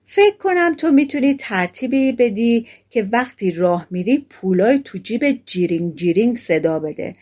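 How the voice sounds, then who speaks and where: A woman's voice: on the high side, expressive, darkish tone. A woman reading the part of a jolly, boastful knife grinder in a storybook tale. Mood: jovial.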